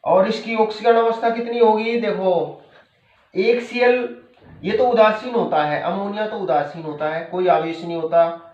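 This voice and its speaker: A male chemistry teacher lectures patiently and keeps repeating the key terms. His voice sits high. The recording is dull and lo-fi, with a roomy echo around him. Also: moderate pace, a little mellow. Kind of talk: classroom lecture. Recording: echoey room, dull lo-fi sound.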